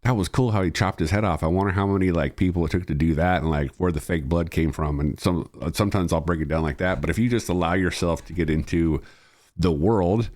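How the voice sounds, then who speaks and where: A man's voice: sits low, fairly quick, a little mellow. A man hosting his own stream, chatting casually, rambling and swearing with frequent laughter. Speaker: streamer host. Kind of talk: casual chat.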